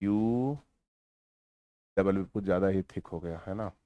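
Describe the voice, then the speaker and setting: A male teacher giving a lesson in a lively, teasing manner, at times explaining loudly and at times mumbling quietly while writing. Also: deep voice, unhurried, no echo. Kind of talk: online lecture.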